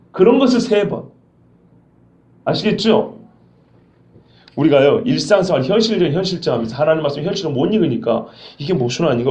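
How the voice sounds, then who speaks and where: In a church sanctuary, a male pastor with a high-pitched yet darkish-toned voice preaches expositorily, acting out scenes and quizzing the congregation. The recording has a roomy, dull church quality.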